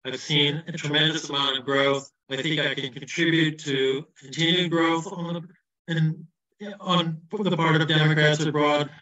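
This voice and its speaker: A man from the Midwest gives a loose, self-deprecating campaign pitch over a video call. His bright, forceful voice booms back with a big hall echo, as if he sits far from the mic. The sound is dull and muffled. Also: fairly even intonation, moderate pace. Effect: heavy hall echo on his voice. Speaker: candidate for party office. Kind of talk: campaign speech at an online event.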